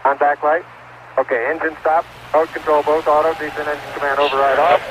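A male astronaut giving clipped, measured callouts over a distant radio transmission from space. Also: fairly high pitch, little pitch movement, background noise. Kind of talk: terse radio communication.

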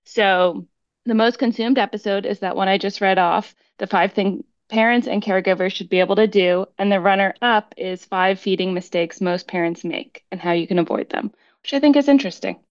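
A woman co-hosting a podcast, talking in a steady, matter-of-fact way and reading out figures. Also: mid-range voice, fairly quick, no room sound, lo-fi sound. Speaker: podcast co-host and producer. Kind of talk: casual podcast chat.

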